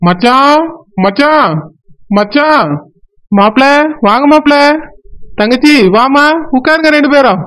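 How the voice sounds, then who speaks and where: A woman's voice: high-pitched, lively intonation, unhurried, long pauses, fairly bright tone. A woman voicing a hospitable middle-aged village man in a cartoon, welcoming guests with a Tirunelveli Tamil accent. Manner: welcoming, fussing over guests. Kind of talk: cartoon voice acting.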